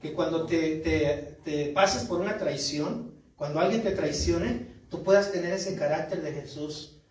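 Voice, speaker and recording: High-voiced pastor preaching in an echoey hall. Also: male voice, unhurried, darkish tone. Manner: reads scripture aloud, often asks "¿verdad?". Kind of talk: sermon. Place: church hall. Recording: echoey church hall from far off.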